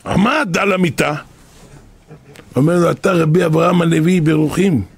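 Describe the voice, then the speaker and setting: A man's voice: fairly high pitch, creaky, breathy edge. A man, a rabbi, telling stories in a sermon, repeating phrases for emphasis and acting out what people said. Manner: repeats phrases for emphasis, acts out quoted speech. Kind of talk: storytelling sermon.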